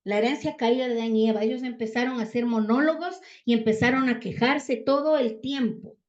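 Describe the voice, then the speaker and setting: A woman's voice: fairly high pitch, steady tone, a little fast. A woman giving a Bible teaching talk, constantly checking in with the listeners through rhetorical questions. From Ecuador. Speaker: church teacher. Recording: dull lo-fi sound.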